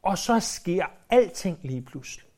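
A preacher's energetic sermon is marked by constant fillers and word repetitions, with quoted speech acted out through sharp jumps in pitch.

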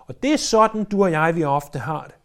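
A man preaching a sermon, stressing points loudly and then dropping to hushed, low phrases. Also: lively intonation. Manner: emphatic, swings between loud stresses and hushed low phrases.

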